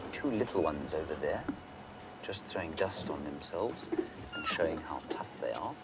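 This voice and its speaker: A man working as a safari guide, giving unscripted live wildlife commentary and answering viewer questions, sometimes hushed toward a near-whisper. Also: extremely low pitch, big pitch swings, normal speed. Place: outdoors in an open safari vehicle. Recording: outdoor vehicle and bush ambience noise.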